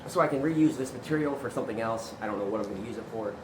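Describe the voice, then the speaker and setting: A man's voice: mid-range voice, racing, background noise. A man hosting a casual craft tutorial vlog, talking in a rambling, informal way with loose asides, recorded in a basement. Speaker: video host. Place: basement room indoors.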